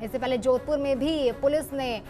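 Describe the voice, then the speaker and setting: High-voiced woman anchoring the news. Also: steady tone, normal speed, mellow, faint music behind. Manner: formal, questioning a reporter. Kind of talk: live news bulletin.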